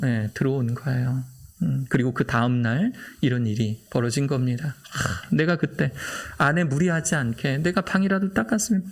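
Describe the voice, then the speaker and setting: A middle-aged man preaching a sermon in a church, telling a personal story earnestly and building to impassioned emphasis. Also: a little high. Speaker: pastor. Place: church sanctuary.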